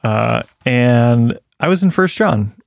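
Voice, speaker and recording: A man's voice: mid-range voice, expressive, slow, gravelly, dry recording. A man co-hosting a casual faith talk, reading scripture aloud and chatting earnestly with many fillers and easy laughs. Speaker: podcast co-host sharing a devotional.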